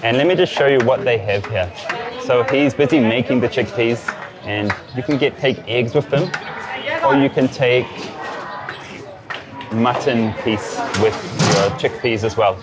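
A man's voice: medium pitch, unhurried. A man in his thirties hosting a travel vlog, explaining things casually and informally to camera. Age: 30s. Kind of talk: casual chat and commentary to camera. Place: busy street and small tiled eatery. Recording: crowd chatter around the voice.

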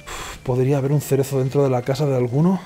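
A man's voice: mid-range voice, flat delivery, fast, mellow. A man giving casual let's play commentary, sarcastic and rambling, often muttering to himself. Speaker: gaming streamer. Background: faint game music.

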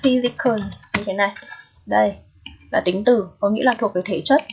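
A woman's voice: medium pitch, brisk, gravelly, muffled recording, background noise. A woman English teacher, patiently walking students through an exam review and checking in with frequent rhetorical questions.

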